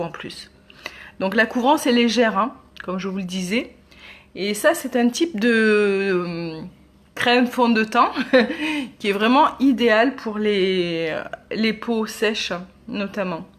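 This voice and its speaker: A woman's voice: mid-range voice, expressive, unhurried. A woman, chatting casually as a beauty vlogger demonstrating makeup, with many hesitations. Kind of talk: casual product demo.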